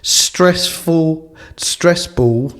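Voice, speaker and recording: A man's voice: on the high side, extremely slow, fairly bright tone. A man hosting a casual podcast, chatty and rambling, with lots of fillers and restarts. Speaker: podcast host and company CEO. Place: office studio with a coffee table.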